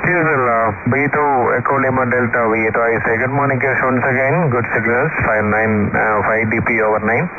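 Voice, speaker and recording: A man's voice: medium pitch, brisk, few pauses. A man with an Indian accent acts as an amateur radio net controller, making formal, procedural call-outs over a radio transmission with static. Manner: procedural, repeats set phrases and spells callsigns. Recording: muffled radio link with loud static.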